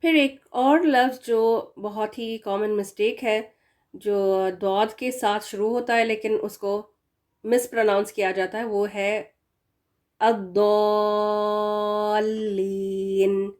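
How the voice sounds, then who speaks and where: A woman teaching a recitation lesson, explaining patiently and stretching out the example words slowly. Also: medium pitch, fairly even intonation. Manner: patient explaining, slow drawn-out demo words. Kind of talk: tajweed lesson.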